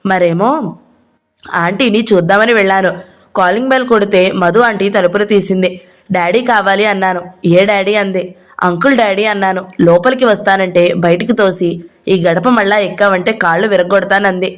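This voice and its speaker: A woman's voice: mid-range voice, normal speed, lightly acted. A woman reading aloud as an innocent, eager little boy in a novel, rambling through his story in long run-on sentences. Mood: eager chatter.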